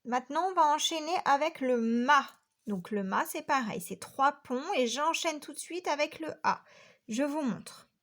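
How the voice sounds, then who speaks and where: A woman's voice: sits high, lively intonation, a little slow, fairly bright tone. A woman teacher from France giving a patient, step-by-step handwriting lesson to young children, counting each stroke aloud. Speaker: primary school teacher.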